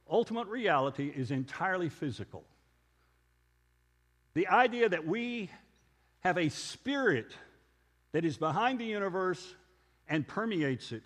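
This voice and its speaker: A man's voice: on the high side, fairly bright tone, long reverb tail. A man giving a conversational sermon lecture, telling stories and asking rhetorical questions. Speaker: preacher.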